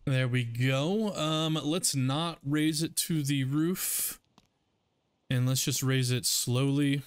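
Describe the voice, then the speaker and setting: A man hosting a gaming channel, chatting casually and excitedly over his gameplay and laughing often. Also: mid-range voice, slow pace, smooth. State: hiccups.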